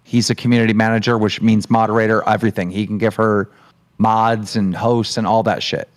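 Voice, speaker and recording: Guy telling people what to do on a stream, kinda low voice. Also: little pitch movement, no echo. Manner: brisk, directive. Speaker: show host. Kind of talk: livestream chat.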